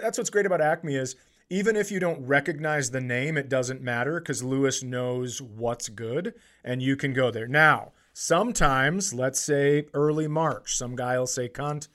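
An American man co-hosting a podcast chats casually and comedically, bantering and swearing freely. His voice is medium in pitch with a fairly bright tone and a moderate pace.

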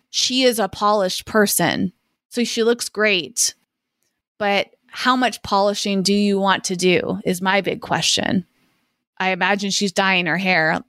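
A woman's voice: medium pitch, no room sound, studio quality. Chatty woman podcast co-host. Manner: chatty, musing, animated asides. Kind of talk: casual chat.

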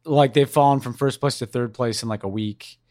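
A man's voice: medium pitch, fairly quick, darkish tone, no echo, clean studio sound. An American man co-hosting a podcast in casual, informal conversation, often repeating himself and backtracking. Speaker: podcast co-host.

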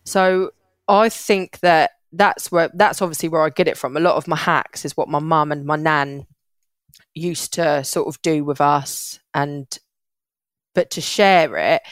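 A woman's voice: deep voice, unhurried, no room sound, clean studio sound. A young woman, chatting earnestly as a guest in an interview and often restarting her sentences. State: getting emotional. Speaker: podcast guest, parenting hack creator. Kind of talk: casual interview chat.

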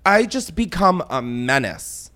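Animated hungover man, comedic podcast host. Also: a little high, unhurried. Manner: animated, exclaiming, laughs while talking; dramatic, self-mocking storytelling. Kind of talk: casual comedic podcast chat.

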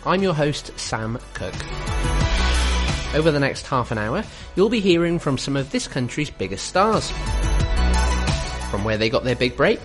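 Brief: young male host, chatty, animated pitch, faint music underneath. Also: measured pace, pauses often. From Wales. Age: 20s. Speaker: podcast host. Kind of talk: podcast interview.

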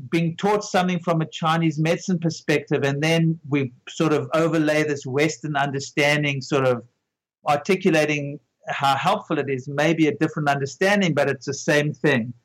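A man's voice: on the high side, low-quality recording. A man, a clinician guest on a podcast, talking enthusiastically about his patients with a rambling style and frequent restarts. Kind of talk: casual conversational interview.

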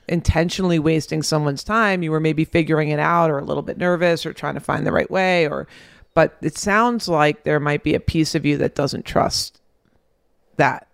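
A woman therapist talks gently and reflectively. Her voice is gravelly but smooth and rather high. The sound is dry and close. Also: normal speed, dry recording. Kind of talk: counseling conversation.

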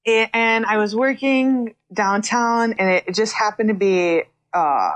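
A woman singer-songwriter in a casual interview, talking in a lively way with frequent laughs and fillers like "you know". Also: mid-range voice, slow pace. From Chicago area. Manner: lively, laughs often, uses many fillers.

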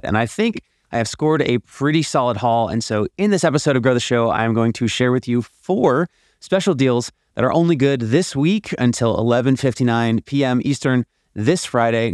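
A man's voice: mid-range voice, darkish tone, no echo. A man hosting a podcast from an attic, delivering an emphatic, promotional scripted monologue about offers. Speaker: podcast host. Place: attic of a house. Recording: dry, produced podcast audio recorded in an attic.

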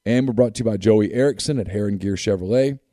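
Man, very dark relaxed tone, dry close sound, podcast host. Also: on the low side, fast, dry recording. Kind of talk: sponsor ad reads and casual sports talk.

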